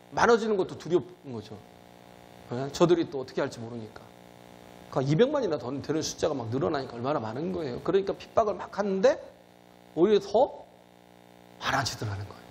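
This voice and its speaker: A man preaches in a high, lively voice that leaps up for emphasis and then sinks to a quiet low. He keeps throwing rhetorical questions at his congregation and prompts them for replies. A faint hum sits under the recording. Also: poor audio. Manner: swings between emphatic high lines and low, quiet drops. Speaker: pastor. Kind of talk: sermon.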